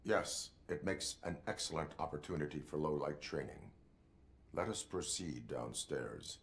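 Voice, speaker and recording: An actor playing a stoic robotic police mentor in a video game, speaking formally in a measured, steadying way. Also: male voice, very deep voice, animated, a little hiss or hum, exaggerated voice. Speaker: field trainer.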